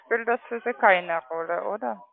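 Selling trading accounts over the phone, a non-native male agent whose first language isn't German talks in ungrammatical phrasing. He has a high, creaky voice at a moderate pace, heard on a narrow, muffled telephone line.

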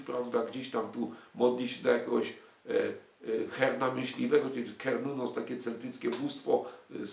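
Speaking in a gravelly, medium-pitched voice, an older lecturer on music and culture addresses his audience with emphasis. His talk is full of rhetorical questions and indignant asides, and the space around him echoes.

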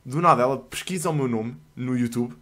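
A man's voice: medium pitch, brisk. A man in his twenties with a European Portuguese accent, chatting casually and slangily as a streamer while reacting to videos, swearing freely. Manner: swears freely, bursts into loud laughing outbursts.

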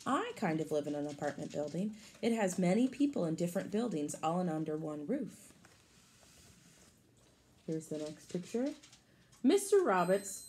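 In a small home room with obvious background noise, a woman in her thirties reads a picture book aloud to little kids, teacher-style and expressive, pausing for casual explanations. Her voice is lowish and a little mellow.

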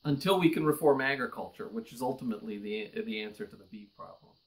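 A nonprofit research director in his forties sits close to the mic in a small office lined with bookshelves, making an earnest, urgent appeal straight to camera. His voice is lowish and he talks fast, building toward emphatic pleas.

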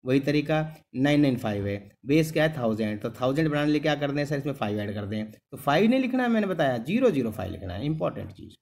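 A man's voice: medium pitch, very animated, fast talker, few pauses, a little mellow. A middle-aged man teaching a maths lesson, patiently repeating each step and checking whether his students follow. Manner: calls the students "beta", keeps asking "clear?". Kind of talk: classroom lesson.

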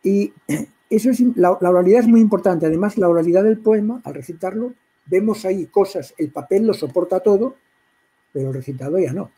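Middle-aged Catalan-accented man, halting workshop lecturer, husky voice, fairly high pitch. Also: dark tone, poor audio. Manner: halting, many restarts and throat clearing. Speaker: workshop speaker on poetry. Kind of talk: informal lecture to a writers' group.

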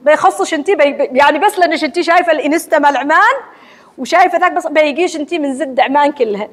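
A woman with an Omani accent giving a religious lecture to women in a mosque hall, asking and answering her own questions in a lively teacherly way. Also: high voice, very fast. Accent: Omani Arabic. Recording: long hall reverb.

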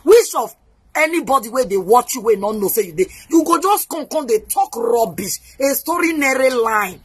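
A woman hosting her own show, mocking and animated as she mixes Pidgin and English. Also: fairly high pitch, moderate pace, husky, dry recording. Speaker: host. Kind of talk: casual commentary.

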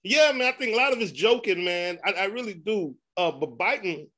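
Man, podcast host, casual conversation, laughing, bright forceful tone. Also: sits high, lively intonation, fairly quick. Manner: loose, laughing, repeats 'man'.

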